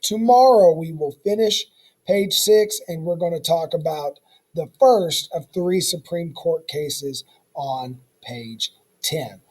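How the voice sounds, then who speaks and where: Guy teaching an online class, kinda husky, folksy, says stuff twice so it sticks. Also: on the high side, takes it slowly, a little mellow, rough recording. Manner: casual and folksy, repeats key points. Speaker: social studies teacher. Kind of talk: recorded online class lesson.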